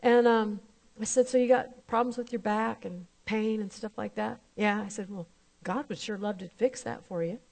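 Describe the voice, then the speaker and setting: A woman's voice: mid-range voice, steady tone, moderate pace, creaky, a little mellow. A woman minister telling a testimony in a sermon, acting out both sides of the conversation as she tells it.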